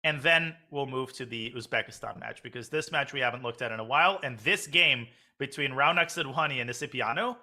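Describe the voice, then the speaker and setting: A man's voice: on the high side, bright, forceful tone. A man hosting live chess tournament commentary in a conversational way, talking positions over with a co-commentator. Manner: conversational, poses questions to co-commentator.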